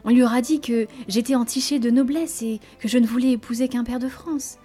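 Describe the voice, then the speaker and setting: A woman reading aloud voices a proud, nervous young noblewoman in love, in a high, breathless, trembling manner. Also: steady tone, brisk, warm tone, husky, faint music behind. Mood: scheming aside.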